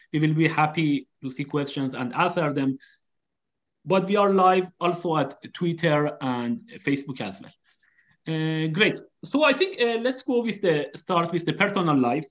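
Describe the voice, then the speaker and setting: A man hosting a live online interview, speaking hesitantly with many fillers. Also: on the high side. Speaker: host.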